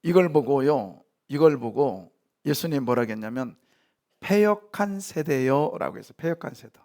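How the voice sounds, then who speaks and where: A man preaching a sermon in a church, lively, asking the congregation questions and answering them himself, now and then acting out short lines. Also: medium pitch, unhurried. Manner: acts out short quoted lines in sharp voices. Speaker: pastor. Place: church sanctuary.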